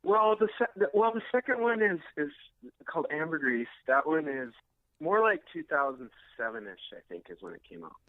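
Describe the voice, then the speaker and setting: Slightly high and sing-song, with a somewhat quick pace, this American rock guitarist's voice comes through a narrow phone-like line with no echo. He's casual in the interview, hesitant and modest.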